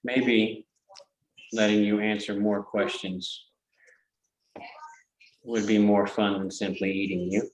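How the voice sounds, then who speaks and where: A man voicing a lazy, bored scaled creature with a long tail, lounging on a throne, in a wet, raspy, hissing voice with slow, languid menace. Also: lowish voice, little pitch movement, echoey room, rough recording.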